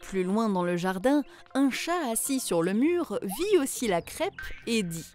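A woman narrating a children's fairy tale in a clear, measured way. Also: on the high side, sing-song, a little mellow, faint music behind.

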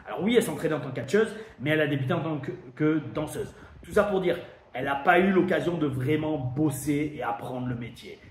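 A man's voice: on the high side, fairly quick. A man from France giving a chatty, emphatic review monologue as host of his wrestling show. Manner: chatty, emphatic, thinks aloud. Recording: echoey room with faint noise.

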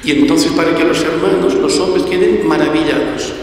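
A middle-aged man speaks as a priest at Mass, his voice on the high side. He is solemn and deliberate, and a heavy cathedral echo trails his words over some faint noise. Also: far from the mic. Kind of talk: homily and liturgical prayer. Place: inside a stone and wood church. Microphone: gooseneck microphone on lectern and altar.

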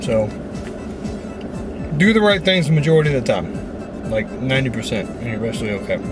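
A man's voice: mid-range voice, very animated, fairly quick, loud music behind the voice. A man in his thirties talking to a dashboard camera inside his truck, blunt and motivational, swearing freely. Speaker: vlogger. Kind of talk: casual vlog monologue.

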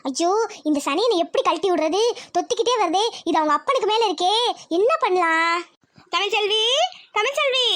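A woman voicing a lively, emotional young village woman in love in a cartoon. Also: extremely high pitch, dry recording, clean studio sound. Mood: fretful. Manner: quick, chattering, pleading. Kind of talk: cartoon voice acting.

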